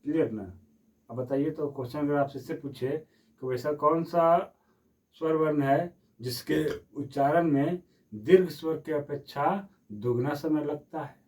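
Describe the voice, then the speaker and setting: A man's voice: on the high side, unhurried, darkish tone, distant mic. A man teaching a Hindi grammar lesson who repeats each question and answers it himself, stretching vowels to demonstrate.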